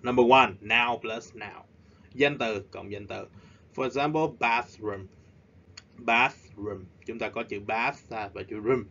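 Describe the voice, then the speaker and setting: A man teaching an English lesson, explaining at length and slowing down for emphasis. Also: fairly low pitch, vocal fry, pushed and bright. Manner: switches between explaining and slow, emphatic drilling. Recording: slightly dull lo-fi audio.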